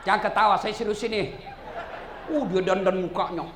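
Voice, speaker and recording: Animated joking male preacher, high voice. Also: moderate pace, a crowd in the background. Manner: animated, joking, shouts punchlines. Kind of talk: humorous sermon to a large crowd. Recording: echoey hall with faint noise.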